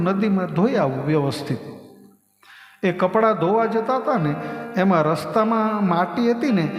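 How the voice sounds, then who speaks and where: High-voiced Gujarati storyteller in an echoing hall. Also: male voice. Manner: lively storytelling, acts out quoted voices. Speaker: Bhagavat katha storyteller. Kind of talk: devotional scripture discourse. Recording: echoey reverberant hall.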